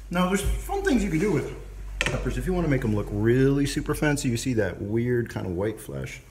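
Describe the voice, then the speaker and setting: Chatty man cooking in an echoey kitchen. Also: fairly low pitch. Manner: chatty, playful, talks to camera while chopping. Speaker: cooking show host. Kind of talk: casual cooking vlog. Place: home kitchen, indoors. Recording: echoey kitchen with clear background noise.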